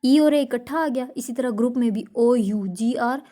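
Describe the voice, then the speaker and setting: A woman teacher lectures in a mellow, warm voice that sits a little high. She reads English definitions out slowly and then explains them in Hindi, checking in with her listeners again and again. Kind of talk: classroom lecture.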